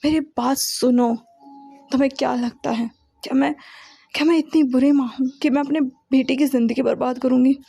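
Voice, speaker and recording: A woman doing a soft-spoken soothing mother. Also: high-pitched, fairly even intonation, normal speed, creaky, breathy edge, no room sound, soft background music, full character voice. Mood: soothing, firm. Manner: soft, soothing, half whispered. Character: gentle, firm mother soothing her grown son.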